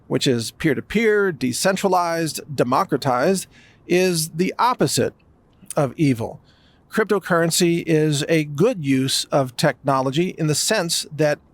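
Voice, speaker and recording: A man's voice: a little high, no room sound. A middle-aged man hosting a podcast, delivering an emphatic monologue that builds through long lists of phrases. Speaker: podcast host. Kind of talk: monologue commentary.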